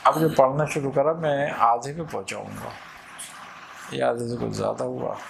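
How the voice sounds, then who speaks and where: A Sufi sheikh from Pakistan telling a personal story in an animated way, acting out the voices of the people in it. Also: male voice, medium pitch, normal speed, gravelly, background noise. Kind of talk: storytelling talk.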